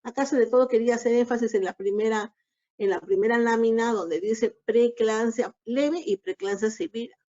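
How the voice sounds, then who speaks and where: A woman giving a recorded obstetrics lecture, explaining each slide in a measured way. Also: a little high, dark tone. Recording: dull lo-fi lecture audio.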